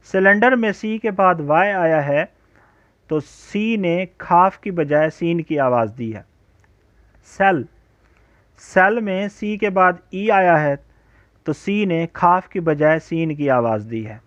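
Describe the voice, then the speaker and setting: A man lectures at a very slow, careful pace, stretching each example phrase. His voice sits a little high for a man. The lo-fi recording is dry and close, with no room echo. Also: lively intonation, fairly bright tone. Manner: slow, deliberate, drawn-out example sentences. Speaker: English teacher. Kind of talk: recorded spoken-English lecture. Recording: dull, lo-fi home recording.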